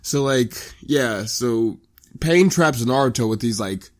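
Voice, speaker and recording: A man co-hosting a podcast, casually and animatedly retelling a story. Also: slow. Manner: animated, puts on squeaky character voices while retelling. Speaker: podcast co-host.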